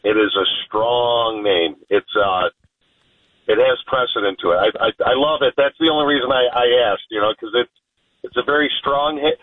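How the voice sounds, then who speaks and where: A man's voice: medium pitch, normal speed, no echo. A man calling in to an AM talk radio show over a phone line, emphatic and repeating his words as he makes his point. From Chicago area, United States. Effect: narrow phone line heard on AM radio. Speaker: radio call-in caller. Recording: tinny dry phone line.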